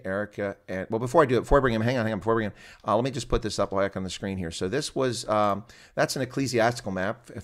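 A man hosting a casual live stream, chatty, fast and full of fillers and restarts. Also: fairly low pitch.

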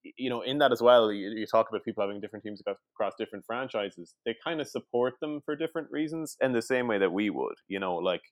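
A man with a west of Ireland accent and a low voice talks casually about sport. He rambles and hesitates, leaning on little filler phrases. The sound is dry, with very little room. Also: quick pace, hardly any pauses, dry recording. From Sligo, west of Ireland. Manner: hesitant, rambling, many "like" and "you know". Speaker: podcast co-host.

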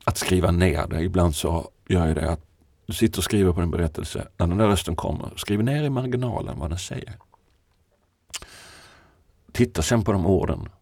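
A man's voice: deep voice, vocal fry, long pauses, mellow, dry recording. A poet being interviewed, a man talking in a thoughtful, musing way and laughing often. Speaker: poet, podcast guest. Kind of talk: reflective conversation.

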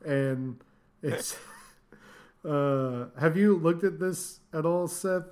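A man's voice: fairly high pitch, very slow, darkish tone. A man co-hosting a casual gaming podcast, chatty, with fillers and frequent laughter. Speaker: podcast co-host.

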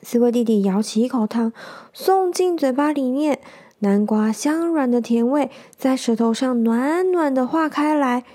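A woman reading a children's picture book aloud, gently stopping to explain words. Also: sits high, lively intonation, measured pace. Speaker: storyteller.

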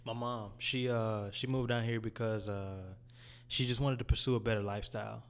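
A young man from Detroit with a raspy voice, talking about his music in a laid-back, casual interview. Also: lowish voice, fairly even intonation, normal speed, slight background noise. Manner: laid-back, loose phrasing with fillers. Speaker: guest rapper.

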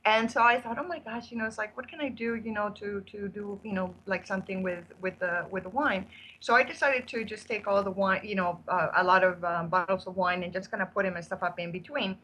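Brief: chatty female interview guest, bright and tense tone, full of fillers. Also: mid-range voice, fairly even intonation, a little fast, poor audio. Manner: chatty storyteller, many fillers. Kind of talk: casual interview chat. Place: at home in Spain, on a remote call.

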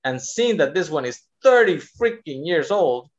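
A man's voice: on the high side, very animated, a little slow, muffled recording. A man talking enthusiastically about films as a podcast guest in casual conversation, often restarting his sentences. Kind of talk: casual film discussion.

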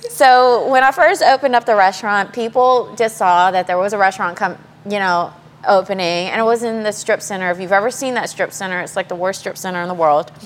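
A blunt, straightforward woman, chatting casually on a panel about her cooking. She laughs easily, and her voice sits at a middle pitch. A faint hum of room ambience is underneath. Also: a little fast. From South Mississippi. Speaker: Cajun restaurant chef.

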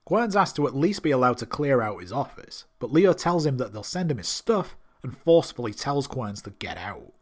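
Male recap narrator, mid-pitched, keen and wry, scripted read. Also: very animated, moderate pace, hardly any pauses. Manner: enthusiastic, wry asides. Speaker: TV series recap host.

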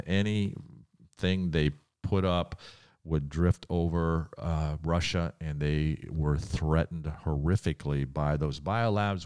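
A man's voice: rumbling low, a little mellow, clean tone, dry recording, studio quality. An American man delivering a prophecy sermon with political commentary, speaking in an emphatic, conspiratorial tone of warning. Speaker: preacher giving end-times commentary.

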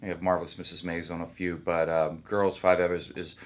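A man who is an actor, talking about his work in a relaxed, rambling interview. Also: deep voice, fast talker. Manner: easygoing, rambling, thinks aloud. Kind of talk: casual interview talk.

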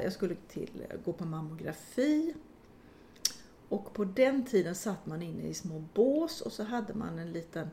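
Middle-aged woman, podcast co-host, lively storyteller who laughs and swears easily. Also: medium pitch, a little hiss or hum. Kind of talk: casual chat and storytelling.

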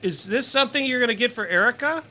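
A middle-aged man co-hosting a casual podcast, rambling with wry, deadpan humor. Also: very high voice, quick pace, slight background noise. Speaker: podcast co-host. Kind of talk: casual chat.

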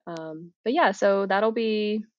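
A woman author as a podcast guest, chatting casually and haltingly with self-deprecating asides. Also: medium pitch, no room sound. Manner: self-deprecating, informal, halting and thinking aloud. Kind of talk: casual interview chat. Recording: dry, slightly dull audio.

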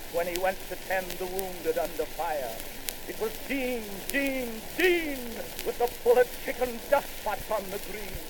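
On a crackly phonograph record from 1919, a man delivers a theatrical, old-fashioned poetry recitation. His high-pitched, declamatory voice swoops sharply upward whenever he shouts a line.

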